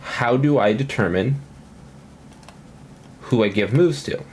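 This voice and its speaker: A man's voice: mid-range voice, slow pace, darkish tone, a little hiss or hum. A man casually commenting on his gameplay at home, rambling and thinking aloud with lots of fillers. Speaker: gaming commentator.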